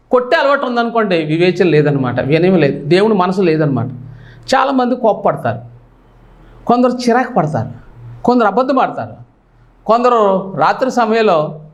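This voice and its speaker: A male pastor preaching a sermon, with animated emphasis that rises and drops sharply. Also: high-pitched.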